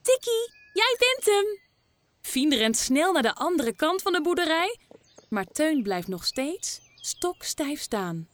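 A woman narrating a children's story slowly and expressively. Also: high-pitched, animated, slight background noise.

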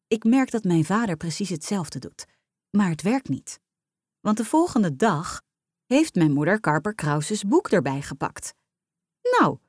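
A woman reading a children's story aloud in the first person, lively and expressive. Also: deep voice, no echo, studio quality.

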